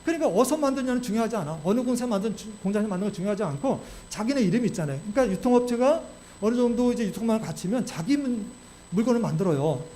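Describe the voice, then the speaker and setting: A male pastor delivers a sermon at a brisk clip, his voice sitting high yet mellow in tone. He talks in an animated way and keeps throwing rhetorical questions to the congregation. A faint hiss runs under his voice. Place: church sanctuary.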